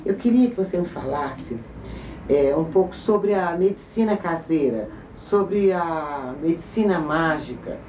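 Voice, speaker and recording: A woman's voice: low-pitched, lively intonation, a little slow, warm tone, slight background noise. Distant Brazilian woman asking questions. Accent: Brazilian Portuguese. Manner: brief, plain questions. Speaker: interviewer. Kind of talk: interview questions. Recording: roomy, off-mic with faint ambience.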